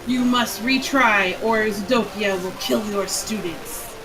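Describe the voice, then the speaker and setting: A woman reading the lines of an accusing male wizard in a comedic read-aloud, flat and matter-of-fact. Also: medium pitch, slow, lightly acted, poor audio.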